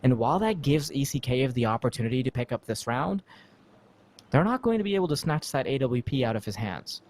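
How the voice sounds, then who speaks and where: A man giving laid-back color commentary on an esports match in a mid-range voice. He sounds relaxed and laughs easily. Faint background noise sits under the mic. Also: mid-range voice, fairly quick. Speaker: esports co-caster.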